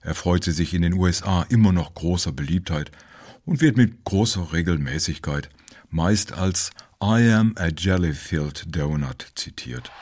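A man narrating a history documentary in a measured, informative way. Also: deep voice, animated, darkish tone.

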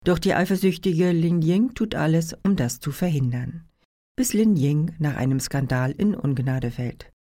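Woman book presenter, mellow dark tone, calm scripted read. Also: low-pitched, measured pace. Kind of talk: scripted book review narration.

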